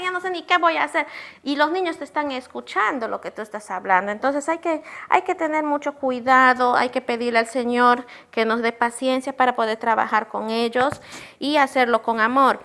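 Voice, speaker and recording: A middle-aged woman leads a church teaching session, her voice bright and sitting a touch high. She talks earnestly, posing questions to her listeners and answering them herself. She calls the class her brothers as she teaches. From Peru. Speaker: children's ministry teacher.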